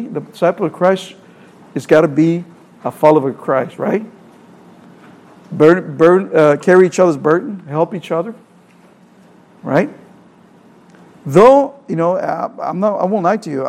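Sitting high and a little mellow, the voice belongs to a middle-aged Salvadoran preacher with a Salvadoran Spanish accent. He preaches earnestly, returning to repeated phrases and rhetorical questions.

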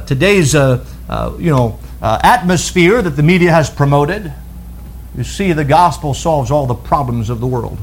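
A pastor preaching a sermon, earnest, slowing down and dropping his voice to stress key words. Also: high voice.

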